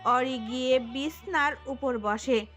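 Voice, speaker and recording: A woman narrating a romantic audio story in an expressive storytelling manner. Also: high voice, slow pace, faint music behind.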